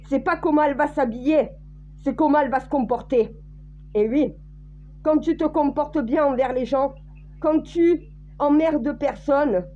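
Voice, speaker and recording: A woman from France talks straight at her audience, blunt and crude, never softening her words. Her voice sits high, and the recording sounds dull and lo-fi. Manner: blunt and crude, addressing viewers directly. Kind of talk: casual monologue.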